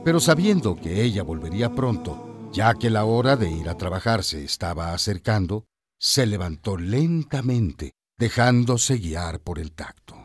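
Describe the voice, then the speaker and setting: A man's voice: fairly low pitch, lively intonation, unhurried, husky, faint music behind. A man narrating a dramatized literary audiobook as a scripted storyteller.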